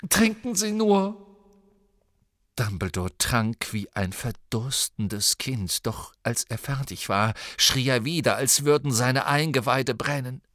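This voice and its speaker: A man reading an audiobook in a measured, subdued narrating manner. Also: mid-range voice, sharp tone, dry recording, studio quality.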